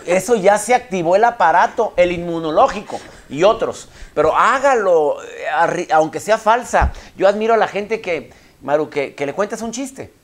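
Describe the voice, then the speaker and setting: Animated Mexican man telling stories. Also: high-pitched, normal speed, hardly any pauses. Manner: animated, playful, acts out scenes with laughs and shifts of voice. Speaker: guest speaker. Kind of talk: lively talk-show storytelling.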